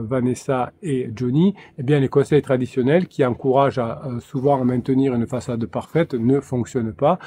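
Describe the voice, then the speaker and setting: A man's voice: mid-range voice, dark tone. A man giving a solo coaching talk on relationships, speaking hesitantly with frequent fillers and restarts.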